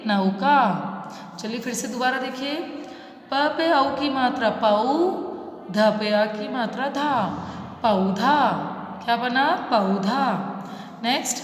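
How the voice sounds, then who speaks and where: A woman teaches small children to read, patient and repetitive, stretching each sound slowly. Her voice sits a little high. The room rings with a long, echoey reverb. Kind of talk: children's reading lesson.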